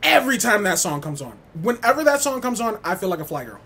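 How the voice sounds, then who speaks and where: Here a music reviewer tears through an album's track ranking in a wild, casual rant, sassy, slangy and profane, repeating himself for emphasis. He talks fast in a high, sing-song voice with a sharp tone and a breathy edge, and his delivery is utterly over the top.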